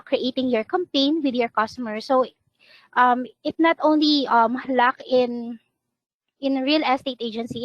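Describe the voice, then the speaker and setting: A woman's voice: on the high side, no room sound. A woman guest speaker answering questions in an online webinar over an intermittent internet connection. She talks hesitantly, with many um fillers. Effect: choppy, intermittent internet connection. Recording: dull, lo-fi online call audio.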